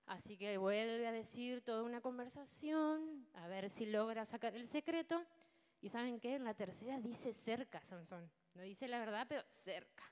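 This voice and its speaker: A woman's voice: on the high side, lively intonation, normal speed, a little mellow. Argentine woman preaching in an echoing church. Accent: Argentine Spanish. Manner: storytelling, acting out quotes, asking listeners rhetorical questions. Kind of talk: sermon.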